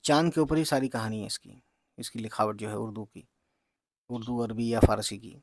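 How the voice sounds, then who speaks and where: A man's voice: fairly low pitch, normal speed. A man teaching reading, spelling out letters and vowel marks one by one, often checking in with "okay". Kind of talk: slow letter-by-letter reading lesson.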